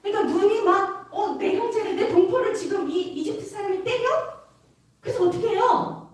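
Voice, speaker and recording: A woman youth pastor telling a story as a lively sermon to young people, acting out the figures and asking the listeners questions. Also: very high voice. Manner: animated, acts out the story in voices, asks the listeners questions. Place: church worship hall. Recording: very echoey hall, mic at a distance.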